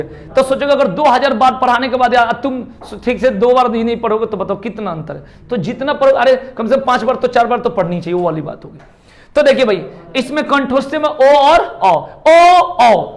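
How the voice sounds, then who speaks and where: A man teaching a classroom lecture who sounds each letter out loud, drills the students and keeps calling them "bhai". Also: very high voice. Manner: lively, repeats sounds aloud and drills students; calls students "bhai" often.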